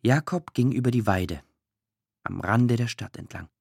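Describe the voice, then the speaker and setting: A man reading a literary story aloud, expressive and emotional, with drawn-out pauses. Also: medium pitch, gravelly, husky, dry recording, studio quality. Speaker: audiobook narrator. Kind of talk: scripted literary narration.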